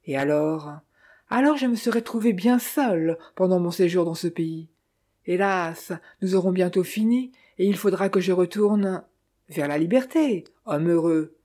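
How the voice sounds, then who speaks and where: A narrator reading the lines of a brisk, witty young woman who teases and announces in a storybook reading. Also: medium pitch, warm tone, close to an everyday voice. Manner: teasing, brisk.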